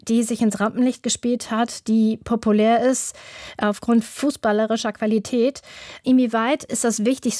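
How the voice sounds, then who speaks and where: A woman's voice: a little high, warm tone, no room sound, studio quality. A woman interviewer asking long, composed questions.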